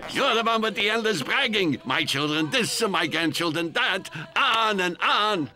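An actor playing a proud, grumpy old man in a cartoon, gruff when arguing and gentle when telling a story. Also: high-pitched, animated, normal speed, music in the background. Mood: indignant. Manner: gruff, blustery, then softly storytelling. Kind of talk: cartoon voice acting.

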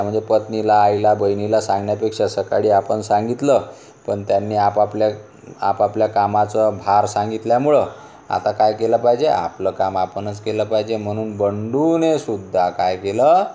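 A male schoolteacher patiently walks a class through a story, often stopping to ask rhetorical questions. His voice sits fairly low, and the tone is dark and mellow. He speaks with a Marathi accent. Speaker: teacher. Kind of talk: explaining a school story lesson. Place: classroom lesson recording.

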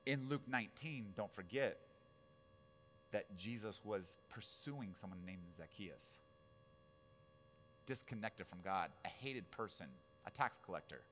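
A man's voice: on the low side, expressive, unhurried, long pauses, fairly bright tone, soft background music. Male pastor, 40s, conversational sermon, tells stories and keeps checking in with the congregation. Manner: casual storytelling with asides and audience questions.

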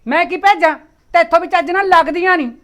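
A woman's voice: very high-pitched, quick pace. A woman playing an older village mother with a scolding manner and a Punjabi accent. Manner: scolding, sharp-tongued. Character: sharp-tongued village mother, scolding her daughter-in-law. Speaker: mother of the husband.

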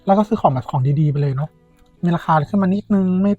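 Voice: medium pitch, fast, mellow, breathy edge. A food vlogger and host chatting casually and informally, speaking straight to followers. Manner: informal, chatty, addresses viewers directly. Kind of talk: casual mukbang chat to followers. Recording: dull, lo-fi sound with background music.

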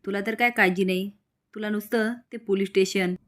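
A woman's voice: mid-range voice, fairly even intonation, fairly quick, a bit bright, lightly acted. A woman voicing a worried older father. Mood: scolding.

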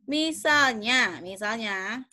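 A woman's voice: fairly high pitch, lively intonation, slow pace, sharp tone. Young woman teaching, checking understanding. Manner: patient, checks understanding often; thinks aloud with fillers and self-corrections. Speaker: English teacher. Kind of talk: online class explanation.

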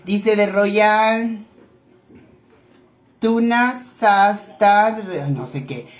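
A woman chatting warmly with viewers while cooking in her home kitchen, calling them little treasures. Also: mid-range voice, drawn-out words. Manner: chatty and affectionate, calls viewers "tesoritos". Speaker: cooking vlogger. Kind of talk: casual cooking chat to viewers. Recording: echoey room with faint noise.

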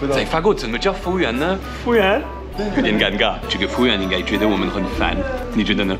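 A man in his thirties, a foreigner speaking fluent Mandarin with a foreign accent, hosting a casual, animated vlog. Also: on the low side, racing. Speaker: vlog host. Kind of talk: casual vlog narration and chat. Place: city streets, market and busy restaurant. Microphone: camera held at arm's length. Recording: loud background music.

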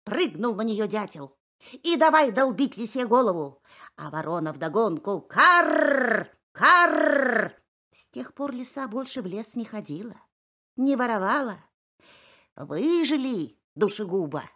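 A woman reading a bedtime fairy tale aloud in a slow, expressive storytelling manner. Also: medium pitch.

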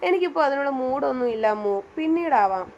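A woman narrator voicing a timid young college girl who talks softly and hesitantly. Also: high-pitched, expressive, fast, lo-fi sound, a little hiss or hum. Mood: reluctant. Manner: soft, hesitant.

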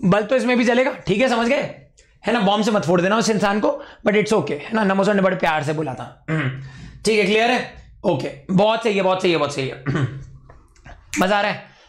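A man with a hoarse voice teaching a physics lesson in a chatty, informal way, talking straight to the student. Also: high-pitched, lively intonation, moderate pace, roomy sound. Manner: chatty, informal, addresses the student directly and bluntly. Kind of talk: casual online physics lecture.

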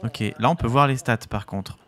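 A gaming YouTuber with a medium-pitched voice gives casual, enthusiastic commentary while playing a survival game, chatting to his viewers and his tame creature. He speaks at normal speed against a noisy background.

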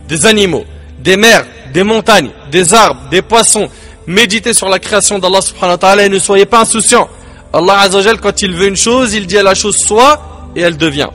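High-voiced man preaching, soft music behind. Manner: emphatic, rising and falling delivery with dramatic pauses. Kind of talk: sermon.

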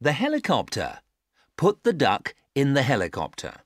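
A actress as a patient instructor with a very low voice and hugely varied intonation. She speaks careful, stilted textbook dialogue in a dry studio sound. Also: huge pitch swings, normal speed, no room sound, full character voice. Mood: patient, instructive. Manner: careful, over-clear instructing. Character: patient adult giving simple picture instructions.

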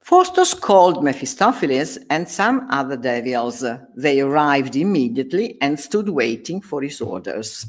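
A woman teacher works through an English story line by line. She reads and explains at an unhurried pace, and her pitch rises and falls freely. Short pauses and restarts break up her explanations. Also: big pitch swings. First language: Italian. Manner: slow, explaining line by line, with hesitations. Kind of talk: reading and translating a story in a lesson.

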